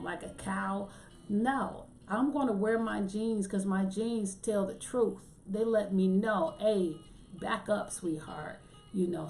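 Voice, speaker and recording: A woman hosting her own podcast in a casual, humorous way, with light filler words and lively asides to the listener. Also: mid-range voice, roomy sound. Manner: chatty and humorous, acts out quotes with a raised voice. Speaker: podcast host. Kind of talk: casual solo podcast talk.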